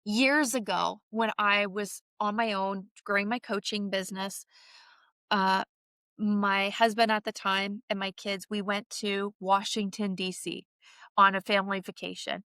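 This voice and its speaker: Bright-voiced Canadian woman telling a story. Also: medium pitch, unhurried, smooth, no echo, clean studio sound. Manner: animated, vivid storyteller who acts out quoted voices. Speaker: podcast co-host. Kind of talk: candid conversational storytelling.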